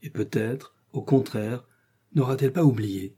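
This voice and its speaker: A man narrating a classic adventure story in the first person, in measured literary storytelling. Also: mid-range voice, dark tone, husky. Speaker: audiobook narrator. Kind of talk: scripted narration.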